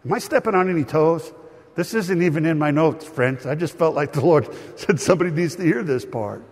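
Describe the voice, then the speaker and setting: A male pastor preaches to his congregation, lively and teasing as he talks. His voice sits a bit high and has a husky grain. The sound carries a long reverb from a large hall. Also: a little fast. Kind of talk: sermon.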